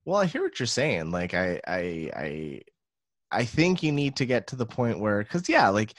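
A man in his late twenties co-hosting a podcast, relaxed and agreeable, laughing along. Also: fairly low pitch, normal speed, no echo, clean studio sound. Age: late 20s. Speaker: podcast co-host. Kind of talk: casual chat.

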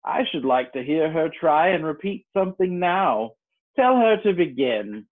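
Guy doing a slow mopey mock turtle voice, drawly, tinny phone-ish sound. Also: fairly high pitch, big pitch swings, voice pushed up. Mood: thoughtful. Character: slow, mournful male Mock Turtle creature.

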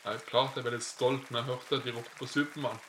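A man's voice: medium pitch, fairly even intonation, fairly bright tone, a little hiss or hum. A man telling a playful made-up story, rambling and correcting himself. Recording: roomy echo.

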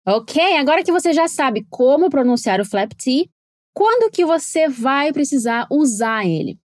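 Higher-voiced Brazilian woman teaching pronunciation. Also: very animated, a little mellow, no echo, clean studio sound. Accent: Brazilian Portuguese. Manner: clear, explanatory, slows down to model English words. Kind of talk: scripted podcast lesson.

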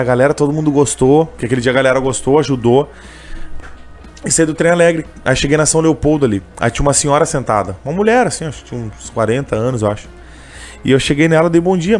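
Guy talking fast, kinda high voice, emotional story, lots of fillers. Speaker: interviewee, candy seller who sings on trains. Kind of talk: casual storytelling.

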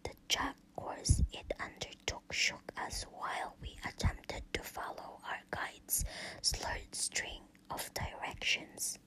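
A woman telling a first-person story in a slow, unvoiced whisper, in the style of a whispered storytelling recording. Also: rough recording.

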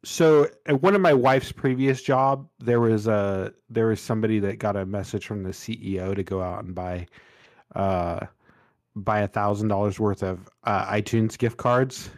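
A man's voice: lowish voice, moderate pace, no room sound. Chatty middle-aged man, dry close sound. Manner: rambling storyteller, laughs often. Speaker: podcast co-host. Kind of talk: casual chat.

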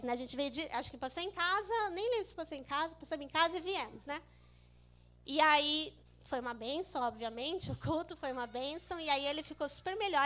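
A Brazilian woman giving an expressive testimony at a church service, acting out the dialogue in her story. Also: high voice. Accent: Brazilian Portuguese. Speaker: church speaker. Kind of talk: testimony preaching to a congregation.

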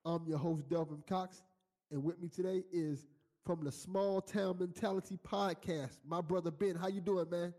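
Brief: relaxed male podcast host from South Florida, warm dark tone, slightly raised pitch. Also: moderate pace. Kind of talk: casual podcast chat.

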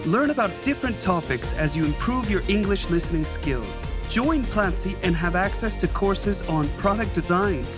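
An announcer reading a polished, scripted podcast intro. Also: mid-range voice. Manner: polished, promotional. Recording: intro over clear music.

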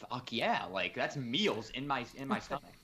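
A man's voice: medium pitch, normal speed. Man, podcast co-host, casual chat, acts out quotes, swears a lot, faint background noise. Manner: animated storyteller who swears freely and acts out quotes. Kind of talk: casual chat, telling a work story.

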